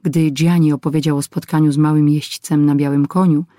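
An audiobook narrator reading an adventure novel in steady, even storytelling. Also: medium pitch, a little fast, dry recording, studio quality.

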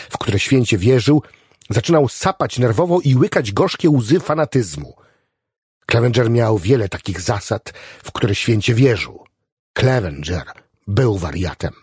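Guy reading an audiobook, very husky voice, lots of rise and fall, dry close sound. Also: mid-range voice, no echo. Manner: expressive, varied storytelling. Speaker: audiobook narrator. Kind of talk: scripted audiobook narration.

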